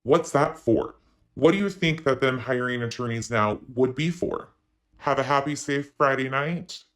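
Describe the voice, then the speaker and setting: A man's voice: mid-range voice, normal speed, a bit bright. A man speaking through a voice changer, hosting an opinionated online commentary and talking straight to his viewers. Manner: opinionated, addresses viewers directly. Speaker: commentary channel host.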